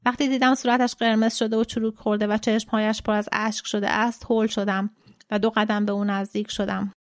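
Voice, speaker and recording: A woman reads a literary novel in a calm, measured narration. Her voice sits at a middle pitch. The recording is dry and close, with no room sound. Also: no echo. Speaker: translator and reader.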